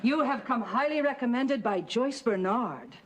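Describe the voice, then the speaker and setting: A woman's voice: a little high, animated, unhurried. A haughty society chairwoman. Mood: grand. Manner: grand, name-dropping, condescending. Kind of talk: sitcom acting.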